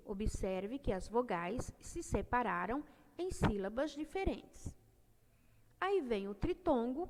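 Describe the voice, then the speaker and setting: A woman teacher slowly explaining a grammar lesson to children, reading out example words one at a time. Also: on the high side. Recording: long reverb, faint noise.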